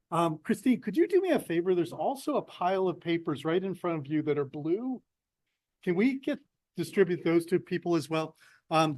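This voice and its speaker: Higher-voiced professor leading a workshop. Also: male voice, no echo. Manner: conversational, addresses audience directly. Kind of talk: lecture with instructions. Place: meeting room.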